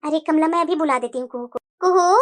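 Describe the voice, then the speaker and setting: A woman's voice: high voice, fast talker, close to an everyday voice. A woman voicing a fretful cartoon mother. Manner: worried, weary. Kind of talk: Hindi cartoon voice acting.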